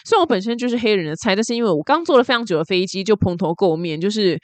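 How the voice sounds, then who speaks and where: Fast-talking woman vlogger. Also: medium pitch, expressive, no room sound. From Taiwan. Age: 40s. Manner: chatty, blunt, storytelling with asides. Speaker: host. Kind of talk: casual news commentary vlog.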